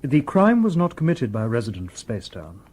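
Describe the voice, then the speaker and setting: For a radio drama, a male actor voices a calm, courteous humanoid robot detective who uses formal, precise phrasing. His voice is mid-range, and he talks fast.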